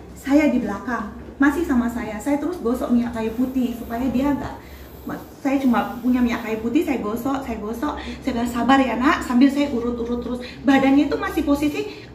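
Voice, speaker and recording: High-voiced woman with a lilt. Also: a little mellow, echoey room, a little hiss or hum. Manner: acts out the dialogue as she retells it. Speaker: bereaved parent speaking to reporters. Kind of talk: emotional first-person account.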